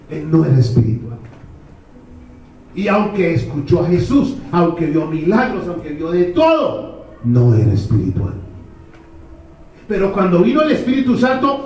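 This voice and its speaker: A man's voice: fairly high pitch, a little mellow. A man preaching a fervent sermon, firing off rhetorical questions to the congregation. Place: church hall. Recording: echoey hall, distant mic.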